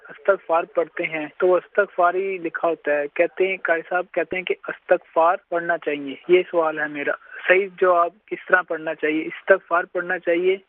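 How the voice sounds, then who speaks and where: A man's voice: sits high, no room sound. A man calling in to a religious show, who asks his question in a roundabout, repetitive way. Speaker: caller. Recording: tinny, dry phone line.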